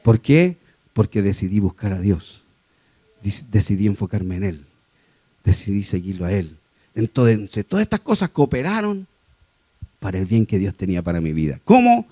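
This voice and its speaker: A man preaching a sermon to his congregation, moving between quiet personal testimony and raised, emphatic exhortation. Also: fairly low pitch, sing-song, normal speed, long pauses. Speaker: lay preacher.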